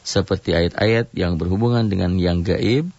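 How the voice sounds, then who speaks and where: Low-voiced man giving a chatty radio lesson. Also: normal speed, no room sound. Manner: conversational, frequent "ya" and "gitu" tags, mimics loud worshippers in a high voice. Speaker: radio religious teacher. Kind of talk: informal radio religious lesson. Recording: dull, dry radio broadcast audio.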